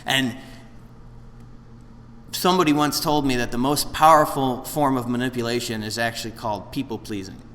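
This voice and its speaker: Speaking with medium pitch at a moderate pace, this man in his late thirties has a fairly bright tone. He's giving a rambling, self-deprecating personal share at a recovery meeting, frequently starting over, before an audience in a roomy hall with faint background noise.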